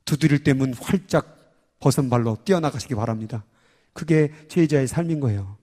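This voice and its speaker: A man preaching a sermon as pastor, animated and acting out little prayers and voices. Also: mid-range voice, normal speed, long reverb tail.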